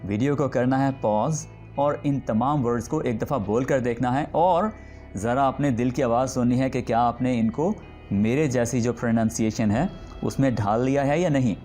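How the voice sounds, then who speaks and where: A man teaching English pronunciation. He explains patiently and says each example word slowly and drawn out, often stopping to check in with the learner. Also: medium pitch, warm tone, faint music behind. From Pakistan. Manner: drawn-out demonstration words repeated slowly. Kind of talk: spoken language lesson.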